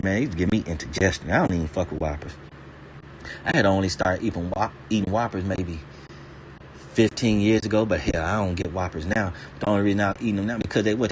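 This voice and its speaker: A man ranting casually to camera, swearing a lot, stammering and repeating himself, his voice jumping up when he gets indignant. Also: a little hiss or hum. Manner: rambling, swears heavily, stammers and repeats words; indignant, pitch jumps high when worked up. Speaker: vlogger. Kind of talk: casual profane rant.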